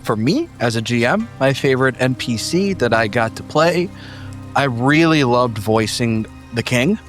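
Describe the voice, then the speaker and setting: A man's voice: mid-range voice, expressive, unhurried, a bit bright, soft background music. Rambling man hosting as game master. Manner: rambling, self-deprecating. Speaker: game master and podcast host. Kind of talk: casual debrief chat.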